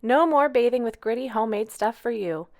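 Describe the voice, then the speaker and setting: A woman voicing a gentle, wistful mother in a storybook reading. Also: on the high side, fairly quick, close to an everyday voice. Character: warm, tired Dutch mother, woman.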